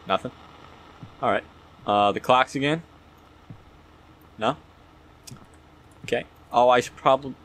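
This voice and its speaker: A young guy streaming a horror game. His pitch jumps around as he reacts like a jittery, scared player, talking to himself in casual slang. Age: young adult. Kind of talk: casual gameplay commentary.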